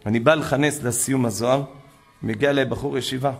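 With a mid-range voice and steady tone, a rabbi delivers a Torah talk to a gathering. His fervent preaching, which includes retold conversations, builds up to loud exclamations.

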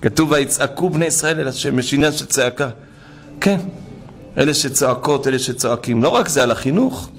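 A man preaching a fervent religious sermon, urging his listeners to cry out and often rising to shouts. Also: mid-range voice, expressive, faint music behind. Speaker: rabbi preacher.

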